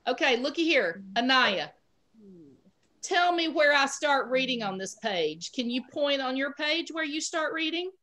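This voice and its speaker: A woman's voice: high-pitched, animated, measured pace, bright, forceful tone, slight background noise. A woman teaching an online pre-K class, giving patient, encouraging prompts over a video call.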